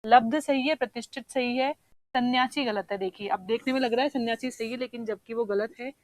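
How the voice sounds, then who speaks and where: A woman teacher works through an exam paper in a fairly high voice. She explains each answer patiently, stops to check that students follow, and sounds tricky words out slowly. The sound is dry and close, with little room around it. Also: no echo, poor audio. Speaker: Hindi teacher.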